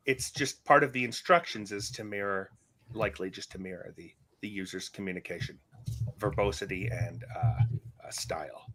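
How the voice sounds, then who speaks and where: A man's voice: low-pitched, normal speed, fairly bright tone, a little hiss or hum. A man hosting a casual tech chat, asking curious questions and joking now and then. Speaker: podcast host.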